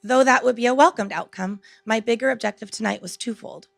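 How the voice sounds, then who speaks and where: A woman, a teacher, reading a prepared public speech in an earnest, measured, articulate way. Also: a little high, creaky, a bit bright, no echo. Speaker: teacher speaking at a school board meeting. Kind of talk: prepared speech read aloud.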